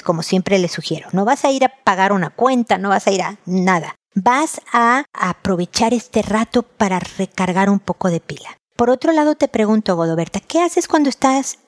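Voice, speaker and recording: A woman's voice: medium pitch, darkish tone. A middle-aged woman hosting an advice show. She speaks directly to a listener in a chatty, reassuring way.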